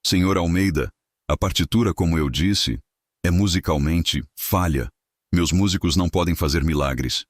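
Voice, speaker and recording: Man voicing a pompous conductor in an audio story, raised pitch, huffy. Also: normal speed, dry recording, clean studio sound. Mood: defensive. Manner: haughty, indignant. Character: arrogant male orchestra conductor, defensive.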